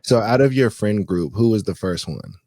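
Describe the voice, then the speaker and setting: A man's voice: lowish voice, animated, normal speed, dark tone. A man hosting a podcast, talking in a laid-back, rambling way with many fillers. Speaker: podcast host. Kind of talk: casual chat.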